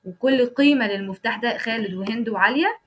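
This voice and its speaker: Teaching a live online coding lesson, this fast-talking programming instructor has an Egyptian Arabic accent and a slightly high voice with background noise. She goes through things step by step, checks in with students often, and keeps restarting and correcting herself while typing.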